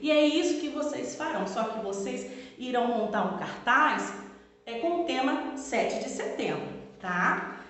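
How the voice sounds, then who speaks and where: A woman's voice: fairly high pitch, lively intonation, a little slow, fairly bright tone. A woman teacher with a Brazilian Portuguese accent giving a recorded lesson to pupils, stretching words to stress syllables and answering her own questions. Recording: echoey room with long reverb.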